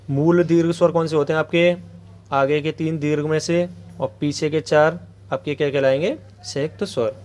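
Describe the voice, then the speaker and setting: A man with a slightly high voice teaches an exam-prep grammar lesson. He asks his viewers a question, then answers it himself, and keeps checking in with them. He draws out the vowel sounds slowly as he spells them. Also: fairly even intonation, a little mellow. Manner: repeats a check-in phrase to viewers.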